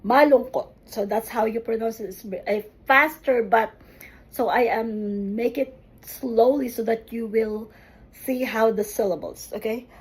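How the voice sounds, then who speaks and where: A woman who teaches Tagalog, giving a language lesson and slowly repeating each word so learners can follow its pronunciation. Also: on the high side, steady tone, husky, poor audio. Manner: slow, deliberate, repeats words for pronunciation. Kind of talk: slow spoken language lesson.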